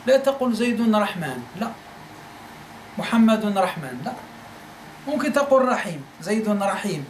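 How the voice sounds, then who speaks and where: Male teacher, fairly high voice, classroom lecture, checks if students follow, echoey room, faint hiss. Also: big pitch swings, normal speed. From Algeria. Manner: repeats points, keeps asking listeners if they follow. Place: study circle room.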